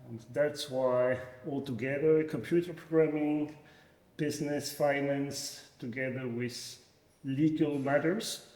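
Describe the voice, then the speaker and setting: A Belgian man in his forties, a company founder, answering interview questions at a conference with many pauses and fillers. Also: mid-range voice, steady tone, darkish tone. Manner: hesitant, many fillers and restarts. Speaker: fintech founder, guest. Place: conference venue, echoey hall. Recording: echoey conference hall.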